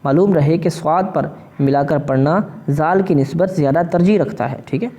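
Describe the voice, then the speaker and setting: A man teaching a lesson on Quran recitation marks, often checking in with a rising "okay?". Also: dark tone. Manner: repeats "ٹھیک ہے جی؟" with rising pitch. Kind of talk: explanatory lesson.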